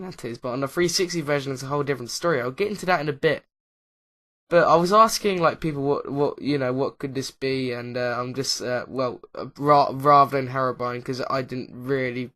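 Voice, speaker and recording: A man's voice: medium pitch, fairly even intonation, fairly quick, fairly bright tone. Man rambling through a gaming video. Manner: hesitant, lots of uh and um fillers; rambling, loses track mid-sentence. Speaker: YouTuber, Minecraft Let's Player. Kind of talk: casual commentary over gameplay.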